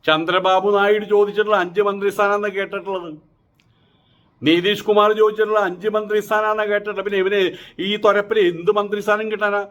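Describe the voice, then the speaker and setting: High-voiced man, mocking political monologue. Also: little pitch movement, fast talker, fairly bright tone. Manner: mocking, rhetorical, repeats his taunting questions. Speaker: political commentator.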